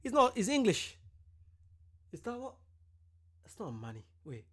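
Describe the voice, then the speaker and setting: A woman's voice: medium pitch, very animated, unhurried, slightly rough. A woman hosting a reaction video who thinks aloud in a puzzled, casual way.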